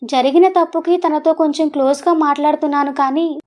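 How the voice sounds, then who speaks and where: A woman's voice: sits high, fairly even intonation, a little fast, a little mellow, lightly acted. A woman voicing a young man, an earnest and troubled husband, in a serious, pleading way.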